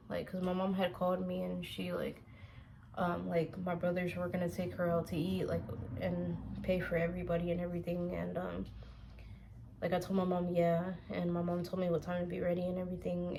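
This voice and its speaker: Young woman telling a storytime vlog, kinda monotone, mellow low voice, lots of ums and likes. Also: creaky, slight background noise, poor audio. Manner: rambling, full of "um" and "like". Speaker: storytime vlogger. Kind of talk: casual storytelling to camera.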